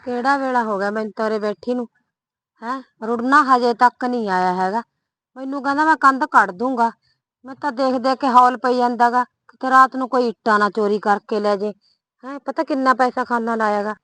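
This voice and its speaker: A fretful, sharp-tongued village woman, as an actress plays her with a Punjabi accent. Her fairly high voice scolds and worries about what the neighbors will say. The sound is dry and close. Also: a little fast, no room sound. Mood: worried muttering. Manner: scolding, anxious about gossip, loud when calling. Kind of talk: comic short-film acting.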